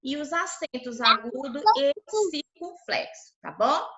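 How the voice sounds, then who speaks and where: A Brazilian woman teacher leads an online lesson for young children with a bright, slightly high voice. She speaks patiently, breaking words into syllables and asking again and again whether the class is following. The audio is a roomy, muffled video-call recording. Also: animated, measured pace. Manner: patient, sounds out syllables, checks in with "tá?" often. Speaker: primary school teacher.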